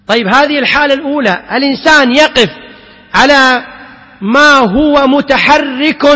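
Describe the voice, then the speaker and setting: A man with a very high, bright voice teaches Quranic recitation to a class. He quizzes his students and repeats each rule slowly, chanting verses in a drawn-out way. His voice rings out with a long hall reverb. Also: slightly rough. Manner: asks students questions and repeats key points slowly.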